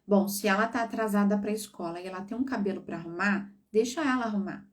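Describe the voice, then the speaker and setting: A woman's voice: medium pitch, quick pace, recorded from a distance. A woman psychologist talking on a live stream, giving parents advice and checking that listeners follow. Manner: warm coaching, checks in with listeners.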